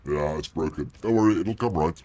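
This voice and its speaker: Brisk and dark-toned, a man talks to his chat while streaming a horror game, his voice twisted by a deep, gravelly demonic voice changer. He swears and jumps at the scares during his live commentary.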